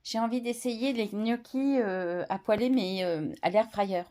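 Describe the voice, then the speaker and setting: A woman's voice: medium pitch, unhurried, dark tone. A woman in a casual home book vlog, talking with many fillers and restarts, and speaking fondly to her dog between thoughts. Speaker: book vlogger.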